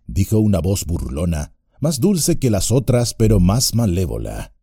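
A man narrating an audiobook with an expressive, dramatic reading. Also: low voice, measured pace, vocal fry, husky, no echo, studio quality.

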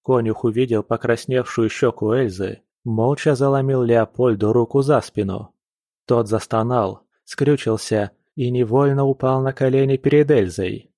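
In a clean studio recording with no room sound, a man with a medium-pitched voice narrates an audiobook, telling the story in a measured, even way.

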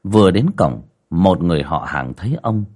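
A deep-voiced man speaks at a normal pace while hosting a livestream. He reads a village ghost story aloud, telling it dramatically with lively rises and falls.

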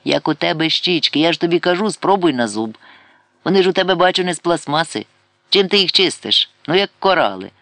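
A man's voice: fairly high pitch, lively intonation, brisk, a bit bright, no room sound, pitched above the performer's own voice. A man reading an audiobook voices a coarse middle-aged man who teases and flirts crudely. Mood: brash teasing. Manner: brash, teasing and crude.

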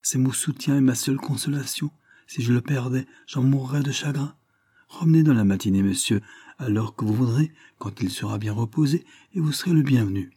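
A man's voice: mid-range voice, a little fast, warm tone, husky, voice pushed up, close to an everyday voice. A man voicing a sly, lying old peasant widow who whines and pleads. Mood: whining pleading.

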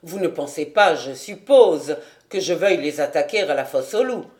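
A woman reading an audiobook, voicing a male army captain in a lowered, cool, measured tone. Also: expressive, darkish tone. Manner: cold, measured, unhurried.

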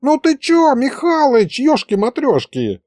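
A man voicing a chatty, excitable old male wizard with folksy rustic speech. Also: extremely high pitch, measured pace, dry recording, clean studio sound, pitched above the performer's own voice, exaggerated voice.

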